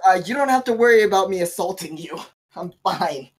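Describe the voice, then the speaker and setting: A male player cracks jokes and delivers wry in-character lines during a tabletop game, keeping the banter casual. He talks briskly, his high-sitting voice full of lively intonation.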